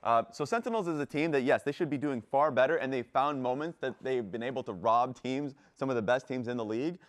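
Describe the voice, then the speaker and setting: A man breaking down match footage as an esports analyst, animated and full of fillers. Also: medium pitch, fast, no echo. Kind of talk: analyst desk commentary.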